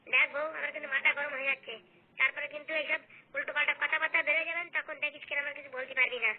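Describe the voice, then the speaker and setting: A woman's voice: sits high, flat delivery, racing, close to an everyday voice. A woman voicing a stubborn, hot-tempered husband who scolds his wife in a comedy skit. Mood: blustering. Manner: scolding, blustering. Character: hot-tempered husband Phuto, young adult man, stubborn. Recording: phone-like narrow sound.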